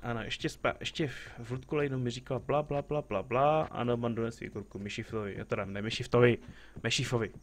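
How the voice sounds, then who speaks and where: Man, game streamer, casual commentary, mid-pitched voice, joking and chatty, faint background noise. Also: steady tone, hardly any pauses. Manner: joking, chatty, talks back to game characters and greets viewers. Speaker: live streamer playing a game.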